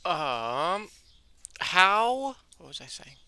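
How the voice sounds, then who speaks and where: A man in casual chat who rambles and restarts his sentences. His voice has a gravelly edge but sounds smooth and very bright. It is recorded dry and close. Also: high voice, sing-song, drawn-out words. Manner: rambling, with many likes and restarts.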